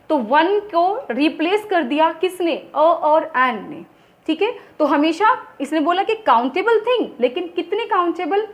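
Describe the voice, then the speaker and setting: Very high-voiced woman teaching grammar. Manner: explains step by step, asks and answers own questions. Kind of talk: grammar lesson in Hindi and English.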